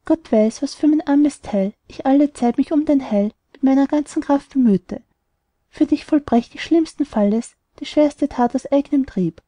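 A woman's voice: high-pitched, normal speed, mellow, no room sound, close to an everyday voice. A woman voicing a worried, skeptical mother in an audiobook, reading rhymed verse earnestly.

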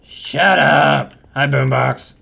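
Gravelly slow-talking roleplay host man. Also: a little high. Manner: gravelly, slow, bursts of shouted swearing. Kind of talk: casual roleplay chat.

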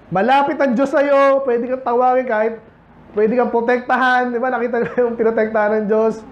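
A Filipino man preaching a sermon as pastor, talking conversationally to the congregation and rising to emphatic points. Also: very high-pitched. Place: church. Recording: echoey church room, dull lo-fi sound.

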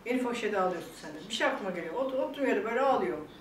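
A woman's voice: a little high, expressive, racing, distant mic. An older woman in casual, emotional chat who is tearful and laughing by turns and quotes the people around her. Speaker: vlog guest talking about her illness. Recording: echoey room picked up from afar, faint background noise.

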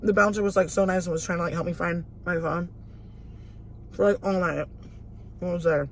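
A woman's voice: lowish voice, fairly even intonation, moderate pace, slight background noise. A woman vlogger telling a casual story while eating in a car, chatty and full of swearing and "like". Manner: chatty, profane, lots of "like". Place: inside a parked car.

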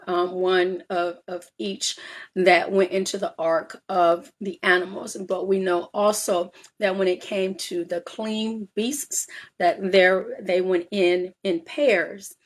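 A woman talking through a Bible passage in a relaxed, conversational way. She keeps checking in with "all right?" and "right?", drifts through "um"s, and moves between reading verses and explaining them as if to a small group. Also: fairly low pitch, slow. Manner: reads scripture aloud then explains with frequent "all right?" and "um". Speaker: Bible study teacher.

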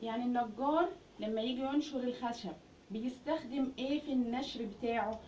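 A woman's voice: fairly high pitch, a little fast, darkish tone. A woman with an Egyptian Arabic accent teaching a grammar lesson, asking questions and then answering them herself. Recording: roomy, distant, muffled recording with faint hiss.

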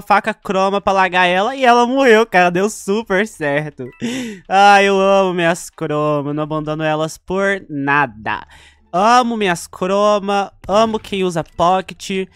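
Excitable Brazilian young man, dry close sound. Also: sits high, smooth, no room sound. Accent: Brazilian Portuguese. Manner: excitable, chatty, dramatic outbursts at the game. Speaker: gaming YouTuber. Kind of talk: live gameplay commentary.

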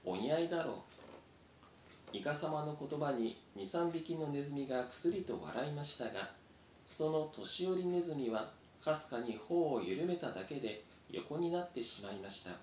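A man's voice: animated, moderate pace. Man reading a story in an echoey room. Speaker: reader. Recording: roomy echo, faint rumble.

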